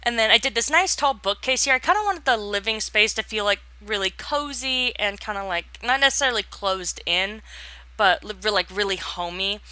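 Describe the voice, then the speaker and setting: A young woman running a gaming channel does relaxed voice-over commentary on a game home build, speaking at normal speed with a bright, forward voice of medium pitch. She wanders and hesitates, filling gaps with fillers, restarting sentences, yawning and laughing. The recording is dry and free of room sound.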